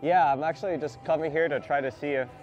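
Talking with someone he doesn't know in a clothing shop at the mall, a young man from the US sounds hesitant, with repeated words and nervous laughter. His voice is a little high, steady, and darkish, and his pace is fast. Faint music plays under slightly dull audio.

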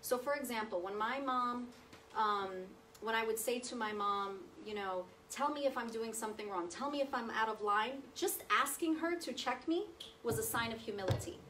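A guest speaker in her thirties sits at a table in a projector-equipped meeting room, giving a conversational personal testimony and often checking in with listeners. Her slightly high voice sounds pushed and bright, at a moderate pace. The far camera yields distant, roomy audio from across the room with a little hiss or hum.

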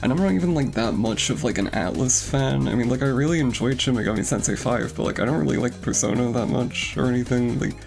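A man's voice: mid-range voice, animated, fast talker, creaky, hardly any pauses. A young man streaming a game, chatting casually in a rambling way full of fillers and restarts, a little out of breath. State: slightly out of breath. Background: game music.

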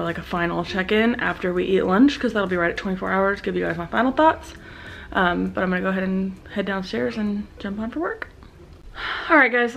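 A woman's voice: mid-range voice, vocal fry, a little hiss or hum. A young woman vlogging casually to camera in her bedroom, chatty and full of ums and likes, with a slight lisp from new aligners. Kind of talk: casual vlog talking to camera. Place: bedroom at home. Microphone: camera set down in front of her.

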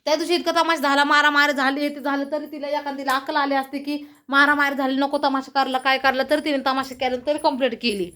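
A woman's voice: sits high, flat delivery, fast talker, pushed and bright. A woman vlogger scolding and complaining bitterly during a family quarrel, repeating herself.

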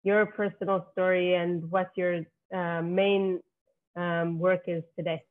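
A woman's voice: on the low side, level tone, takes it slowly. A woman hosting a video call interview, politely moderating and introducing the guests. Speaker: host. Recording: tinny phone-like call audio.

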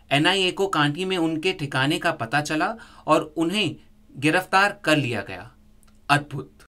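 A man reading a scripted news report as a voice-over, in a steady, measured way. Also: on the high side.

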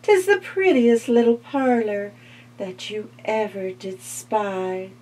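A sly, sweet-talking spider from a storybook, as a woman reads him. He coaxes slowly and softly, his words honeyed and unhurried. A breathy husk sits under every line. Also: medium pitch, voice pushed up, poor audio. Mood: coaxing. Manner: coaxing, honeyed, slow. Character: cunning male spider, smooth sweet-talker. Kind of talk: storybook read-aloud.

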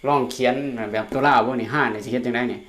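A man with a Lao accent teaching a recorded pinyin lesson, slowly repeating syllables for learners. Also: medium pitch, fairly even intonation, fairly bright tone. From Laos. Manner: drills syllables slowly by repetition. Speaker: Chinese language teacher.

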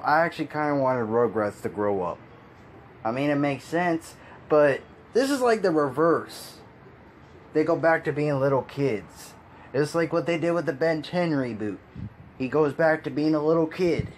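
A man's voice: fairly high pitch, a little hiss or hum. A man giving a frustrated, exasperated rant as a video commentator, sighing and repeating himself. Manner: frustrated, exasperated ranting with sighs and laughs. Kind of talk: ranting opinion commentary.

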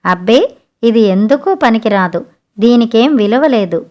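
A woman's voice: fairly high pitch, animated, unhurried, dull audio. A woman reading a storybook, voicing a greedy, scheming male merchant. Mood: dismissive. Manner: pleading and wailing in turns. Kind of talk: storybook narration.

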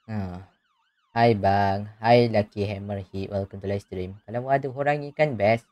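A man's voice: lowish voice, fairly even intonation, unhurried, dry recording, dull audio. A man chatting casually on a live stream, greeting and thanking viewers and laughing often. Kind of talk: casual live-stream chat while gaming.

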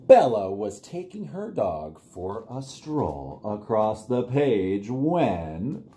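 A middle-aged American man reading a picture book aloud to young children in an animated, encouraging way. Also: fairly low pitch, slow pace. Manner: animated, exclaiming, simple encouraging talk to little ones. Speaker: children's librarian reading online storytime. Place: small plain room indoors.

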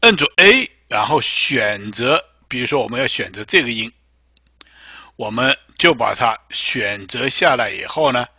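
A man gives a patient, step-by-step software tutorial with a pitch that moves a lot. His voice is bright, with a slight husk. The sound is dry and close, with mouse clicks behind it. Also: lively intonation, unhurried, dry recording. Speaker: music software teacher. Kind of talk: screen-recorded software tutorial.

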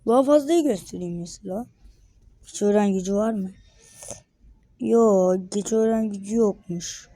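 A woman giving gameplay commentary, muttering quietly and then breaking into excited, slangy outbursts. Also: medium pitch, a little slow, pauses often, no room sound. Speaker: gaming video creator.

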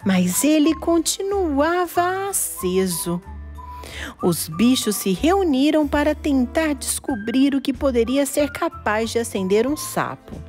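A woman reading a children's story aloud, with expressive, playful storytelling. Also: high voice, takes it slowly, faint music behind.

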